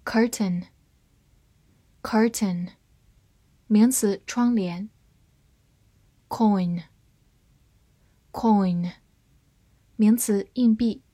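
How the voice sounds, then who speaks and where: A woman teaching vocabulary at a very unhurried pace, spelling out words and reading sentences with careful precision. Her voice sits a little high and sounds close and dry, with no room around it. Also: steady tone, mellow, no echo. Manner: explains in Chinese, reads English words slowly and clearly. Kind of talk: scripted vocabulary lesson.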